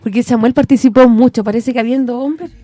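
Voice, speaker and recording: A woman's voice: a little high, fairly even intonation, fairly quick, dark tone, no echo. A Chilean woman hosting a community radio show, chatting casually with guests, giggly and affectionate. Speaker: radio host.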